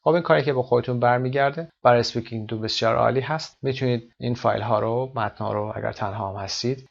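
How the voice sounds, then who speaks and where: A man's voice: mid-range voice, gravelly, muffled recording. A man teaching an English lesson, explaining words and mixing English terms into his explanations, with some fillers.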